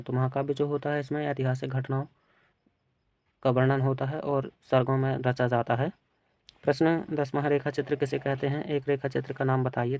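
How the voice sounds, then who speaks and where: A male teacher from India works through an exam paper, reading each question aloud and answering it plainly and steadily. His voice is medium in pitch, with no echo.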